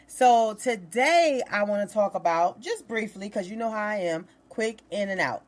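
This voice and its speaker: Woman, podcast host, casual storytelling, animated, exasperated, slang-heavy. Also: medium pitch, moderate pace.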